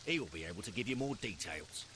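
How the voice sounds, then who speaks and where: An actor playing a formal police inspector in a detective game. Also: male voice, fairly low pitch, animated, fast, sharp tone, slight background noise. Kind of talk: game voice acting.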